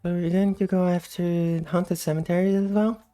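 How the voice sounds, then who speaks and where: A woman giving casual, unhurried gameplay commentary in a sleepy, just-woke-up morning voice. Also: on the low side, level tone, warm tone, smooth, faint music behind. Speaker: gameplay host.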